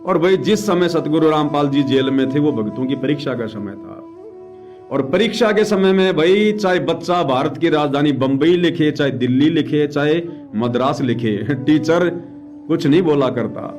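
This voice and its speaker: A man's voice: fairly high pitch, normal speed, a little mellow, faint music behind. A man giving live religious commentary, urgent and emphatic, repeating phrases for stress. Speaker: devotional live streamer.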